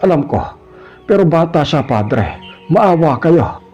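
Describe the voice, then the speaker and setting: A man's voice: on the high side, sing-song, a little slow, a little mellow, faint music behind, pitched above the performer's own voice. Brief: desperate old grandpa, trembling plea, strained, by a man, dull lo-fi. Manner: trembling, pleading. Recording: dull lo-fi recording.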